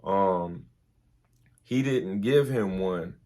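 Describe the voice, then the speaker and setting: A man's voice: deep voice, very slow, warm tone. A tired young man, telling an army story in a casual, rambling way with many fillers. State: tired, early morning. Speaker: vlogger, army veteran.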